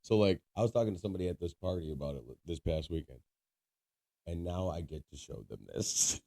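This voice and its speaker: A man co-hosts a casual podcast chat, teasing his friend, laughing often and explaining things at length. His low-pitched voice is mellow and animated, moving at a fairly quick pace.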